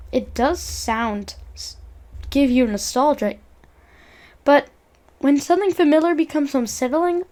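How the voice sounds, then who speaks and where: Reading a scripted video essay, a young woman sounds casual yet sincere and stumbles on a word here and there. She has a higher-pitched voice with a somewhat dark timbre.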